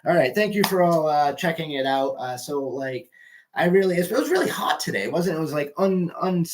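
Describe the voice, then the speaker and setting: A man's voice: on the high side, lively intonation, brisk, background noise. A young man doing a casual, rambling stand-up monologue at home, loose and swearing, often trailing off mid-sentence. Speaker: amateur comedian.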